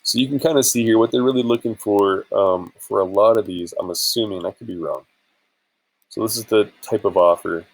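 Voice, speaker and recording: On a rough recording, a man with a lowish voice talks briskly. He chats casually for a screen-share vlog as a vlogger and affiliate marketer, rambling and hesitating, with a slightly tired sound.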